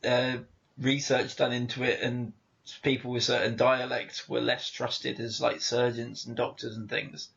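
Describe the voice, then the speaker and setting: A man's voice: medium pitch, little pitch movement, a little slow, vocal fry, fairly bright tone. A man co-hosting a podcast, chatting casually and making crude jokes. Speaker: podcast co-host. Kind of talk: casual chat. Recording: dull lo-fi podcast audio.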